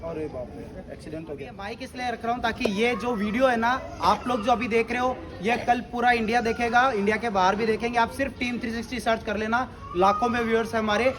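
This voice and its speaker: A man's voice: extremely high pitch, fast. A man giving a live demonstration speech at a school seminar, coaxing the children and mixing in English phrases. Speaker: seminar presenter.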